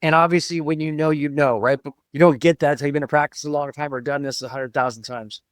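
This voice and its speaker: Male host, inquisitive and affirming, smooth resonant voice pitched a bit high, dry sound. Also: fairly even intonation, quick pace, no room sound. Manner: curious, clarifying, affirming. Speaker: podcast host. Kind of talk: podcast interview questions.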